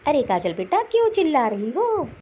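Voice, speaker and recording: A woman's voice: sits high, very animated, normal speed. A woman voicing a lazy, dismissive older mother-in-law in a cartoon story, scolding and brushing off requests. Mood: cheerful. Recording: slightly dull lo-fi recording.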